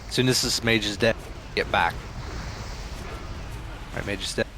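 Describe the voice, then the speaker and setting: A man with a fairly low voice acts as raid leader in an online game. He gives casual instructions to his team on voice chat, with loud game noise behind him. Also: moderate pace. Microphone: gaming voice chat microphone.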